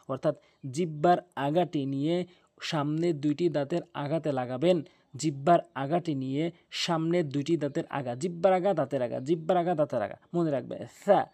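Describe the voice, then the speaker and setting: A man teaching Arabic letter pronunciation for Quran recitation, earnest and emphatic, repeating each sound slowly. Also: on the high side, a little mellow. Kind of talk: pronunciation lesson.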